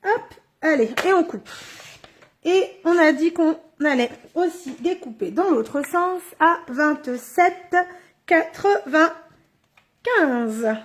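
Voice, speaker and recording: Crafting cards on a live tutorial, a chatty middle-aged woman talks through her thoughts as she goes, recorded indoors by a phone or camera on a stand. She speaks a little slowly in an extremely high, expressive voice.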